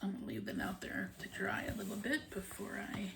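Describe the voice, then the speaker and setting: A woman casually narrating a hands-on task as a video host, unhurried and often counting to herself, in a noisy home recording. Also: medium pitch, gravelly, a bit bright. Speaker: budgeting channel host. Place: at home, indoors.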